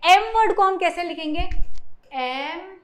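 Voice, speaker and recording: A woman's voice: sits high, fairly bright tone. A woman with an Indian English accent teaching a grammar lesson, mixing Hindi and English and often checking with "ठीक है". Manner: spells out sounds slowly for emphasis. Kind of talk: classroom-style grammar lesson.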